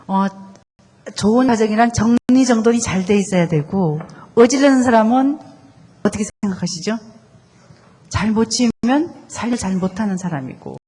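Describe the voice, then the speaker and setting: A woman's voice: mid-range voice, dark tone, slight background noise. A woman co-leading a lecture on marriage, telling wry stories about her husband and asking rhetorical questions. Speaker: co-lecturer, speaker's wife. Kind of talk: lecture with personal anecdotes. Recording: reverberant hall.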